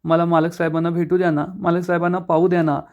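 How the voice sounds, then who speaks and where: Male narrator playing soft, pleading young wife. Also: a little high, little pitch movement, fast, dull audio, natural voice. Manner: begging, soft.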